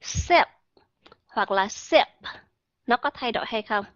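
A woman with a fairly high voice walks an online class through English pronunciation, explaining patiently and saying sample words slowly for the students. The audio is dull and dry, with no room sound around her. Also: animated, fairly bright tone, no echo.

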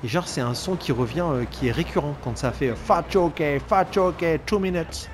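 A man's voice: mid-range voice, brisk. A man giving casual, joking gameplay commentary as a let's player, talking to the character he controls. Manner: animated, joking, talks to the game character. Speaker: video game let's player. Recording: commentary over loud game noise. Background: game sound effects, sirens and vehicles.

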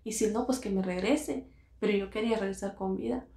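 A woman at a mid pitch tells her personal story earnestly, circling back to repeat key phrases and briefly voicing the people in it. The room around her rings with a noticeable echo. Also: fairly even intonation, brisk, warm tone. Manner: earnest, repeats phrases, acts out quoted voices. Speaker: vlogger recounting her own experience. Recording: roomy echo.

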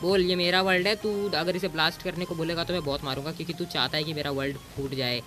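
A man's voice: on the high side, fairly even intonation, fast, sharp tone, faint music behind. A man giving casual gameplay commentary as a gaming YouTuber, bossy and teasing, throwing in English exclamations.

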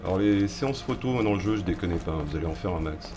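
A man's voice: low-pitched, expressive, quick pace. A man giving casual let's-play commentary as a streamer, chatty, slangy and joking as he addresses his viewers. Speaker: gaming streamer. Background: game music.

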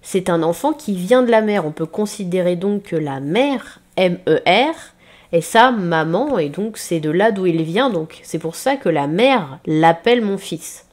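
A woman's voice: fairly low pitch, expressive, unhurried, few pauses, a little mellow. A woman primary school teacher talking her class through the answers of a remote reading and grammar lesson in a patient, explaining way. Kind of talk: remote lesson correcting homework.

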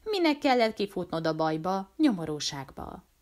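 A woman voicing a rough forest man who talks bluntly and plainly, scolding yet kind, in a read-aloud story. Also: on the low side, big pitch swings, darkish tone. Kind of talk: audiobook character voice.

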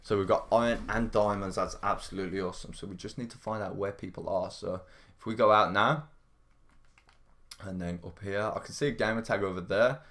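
A man hosting a gaming livestream, giving casual running commentary in an excitable way, often repeating his phrases and exclaiming. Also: fairly low pitch, a little fast. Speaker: livestream gamer, host. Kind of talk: live gameplay commentary, casual.

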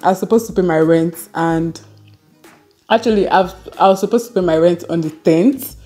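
A young woman chats to her viewers between bites, telling a story in a relaxed, easygoing way. Her voice sits a little low and sounds mellow and dark. Faint music plays behind her. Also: normal speed. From Nigeria. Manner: chatty, laughing, eating on camera. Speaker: vlogger. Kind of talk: casual storytelling while eating.

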